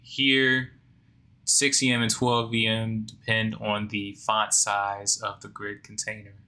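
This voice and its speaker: A sleepy man talks his way through a coding lesson in a slow, bright, somewhat low voice. He reads passages aloud and then questions himself, while keyboard typing and mouse clicks sound behind him. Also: completely flat delivery. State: sleepy, yawning. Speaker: coding learner. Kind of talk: think-aloud coding tutorial.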